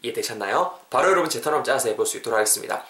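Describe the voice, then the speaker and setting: A man, teaching English on a casual podcast and repeating example phrases slowly and clearly. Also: medium pitch, lively intonation, sharp tone, roomy sound.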